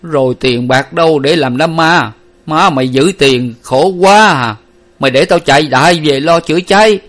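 A man's voice: on the high side, normal speed, a bit bright, voice pushed up, lightly acted. A man playing a grief-stricken older father in a storybook reading, choked and lamenting. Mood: mournful lament.

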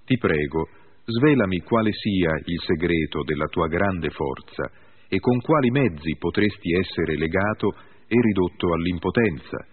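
A coaxing, reproachful woman from a Bible story pleads for a secret, as a man reads her part. The voice sits low and husky. It sounds thin and boxed in, as if heard down a phone line. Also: expressive, a little slow, full character voice. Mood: pleading. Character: seductive scheming woman Delilah. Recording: tinny phone-like audio.

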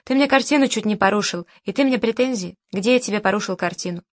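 A woman reading the part of an older male producer who hectors and bullies in crude, rough speech, in a dry recording. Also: mid-range voice, fast talker, no echo, close to an everyday voice. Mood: ranting. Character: older male producer, loud, bullying and hysterical.

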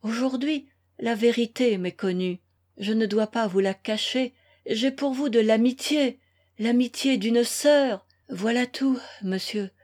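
A woman's voice: a little high, unhurried, darkish tone. A woman reading a composed young woman who coolly and formally turns down a suitor. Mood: cold. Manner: cool, formal, restrained.

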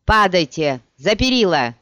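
A man's voice: a little high, moderate pace, a bit bright, clean tone, no room sound, close to an everyday voice. A man voicing a grim male witcher who barks short commands in battle, on a dull, dry lo-fi recording. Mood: commanding.

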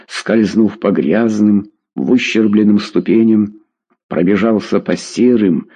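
Husky, expressive male narrator. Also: on the low side. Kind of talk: audiobook narration.

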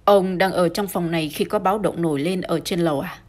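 A firm, formal police chief keeps the questioning in order in an audiobook mystery, read by a woman. The voice is low and husky, steady in tone. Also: a little fast, natural voice. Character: firm older male chief constable, impatient.

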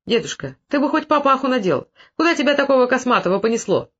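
Reader doing peasant woman, wailing, fretful, higher voice, dull recording. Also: very animated, fairly quick. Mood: fretting. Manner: wailing, lamenting.

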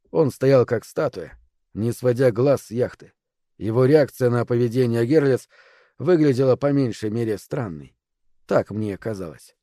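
A man reading a first-person audiobook in a measured, even voice. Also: medium pitch, no echo, studio quality. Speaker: audiobook narrator. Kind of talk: scripted first-person narration.

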